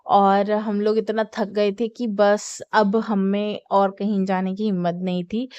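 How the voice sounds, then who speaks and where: A woman's voice: mid-range voice, flat delivery, slow pace, warm tone, clean tone, no echo, lo-fi sound. A young woman vlogging casually about a temple trip, chatty and full of fillers, sounding tired. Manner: chatty, with many fillers and English words mixed in. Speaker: travel vlogger. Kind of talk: casual vlog narration.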